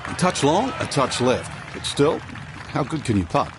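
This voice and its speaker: A man's voice: medium pitch, very animated, moderate pace. A man giving conversational golf commentary as an analyst, explaining things in a casual, folksy way. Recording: loud outdoor crowd and vehicle noise. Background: loud crowd and outdoor noise.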